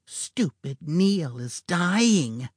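A man's voice: on the high side, sing-song, extremely slow, breathy edge, no room sound, studio quality, pitched above the performer's own voice, exaggerated voice. A man voicing a cruel little girl who lives inside a child's head, speaking in a hissing, taunting whisper.

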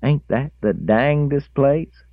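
A man voicing a young country boy truck driver with a slow, laconic drawl, pitched well above his own voice. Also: animated, no echo, narrow, tinny audio. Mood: easygoing.

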